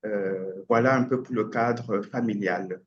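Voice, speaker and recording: A man from Cameroon, a writer and activist, answering interview questions thoughtfully with frequent pauses and restarts. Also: fairly low pitch, noisy background. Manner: hesitant, many pauses and restarts. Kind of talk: interview answers, reflective storytelling. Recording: dull lo-fi sound, faint ambience.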